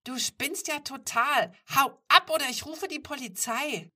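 Flustered posh teen girl, high and pleading, bright breathy tone, read by a woman. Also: measured pace. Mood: indignant. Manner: pleading, indignant, higher and louder than narration. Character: flustered upper-class teenage girl.

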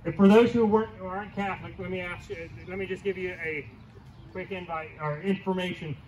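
Over PA speakers on a church lawn, a teaching pastor with a high-pitched, fairly even voice delivers an outdoor sermon at a fairly quick pace to a congregation seated under a tent. His preaching is conversational; he asks the crowd questions and repeats key phrases. Filmed from afar with a handheld mic, the sound is distant, roomy, and noisy in the background.

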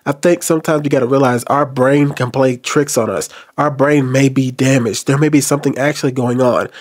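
A man in his thirties hosts a reflective commentary, speaking earnestly to the camera and offering advice from a small decorated room indoors. His medium-pitched voice is steady and a little fast, captured by a desk mic in front with studio quality and no room sound.

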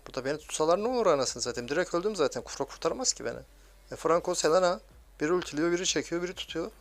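A young man giving excitable, grumbling commentary while playing a mobile game, swearing at teammates. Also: fairly high pitch, very fast. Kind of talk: live gameplay commentary.

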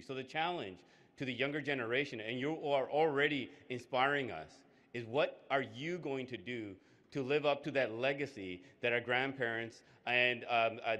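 A man, a politician giving a halting speech from a podium in a hall. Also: mid-range voice, a bit bright. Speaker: politician co-hosting an event. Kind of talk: public speech. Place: indoor hall, on stage at a podium. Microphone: podium microphone.

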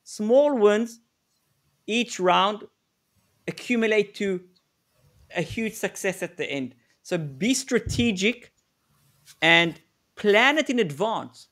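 A man with a high, light voice talks through a live webinar over a video call. He coaches in a direct way, stopping often to restart a sentence or fill a gap. He sounds like an expert walking a team through practical advice. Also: lively intonation, slow pace, long pauses, sharp tone. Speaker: negotiation expert presenting a webinar.

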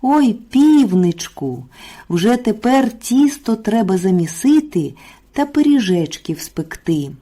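A woman's voice: mid-range voice, big pitch swings, slow pace, dark tone, pitched above the performer's own voice. A woman voicing two lazy, playful little mice in a storybook tale, chirpy and carefree. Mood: eager.

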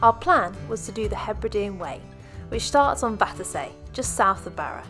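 A woman's voice: medium pitch, animated, moderate pace, fairly bright tone. A woman, a travel vlogger, narrating her cycling trip and chatting casually outdoors in an upbeat way. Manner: upbeat, chatty, with light hesitations. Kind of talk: voice-over narration and casual chat. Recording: background music under the voice.

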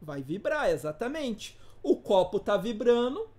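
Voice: mid-range voice, very animated, unhurried, a little mellow. An instructor giving a casual live class, informal and slangy, often putting rhetorical questions to the audience. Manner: slangy, playful teaching asides.

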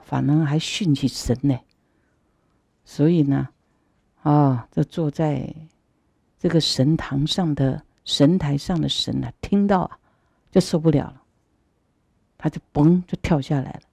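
A woman Buddhist master telling a parable in a sermon, with lively, swooping delivery and sound effects. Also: low voice, a little slow, vocal fry, pauses often, husky, dry recording. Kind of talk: sermon storytelling. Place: temple hall.

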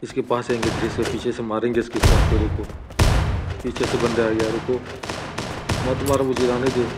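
Excited man over loud gunfire. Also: medium pitch, normal speed, heavy background noise. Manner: excited, joking, shouting short calls. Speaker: gaming streamer. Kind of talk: live gameplay commentary. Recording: game gunfire loud behind voice.

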